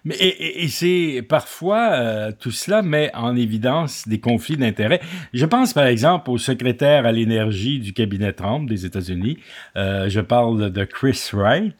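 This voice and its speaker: A man hosting a radio interview, measured and hesitant, with many fillers. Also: medium pitch, expressive. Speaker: radio host.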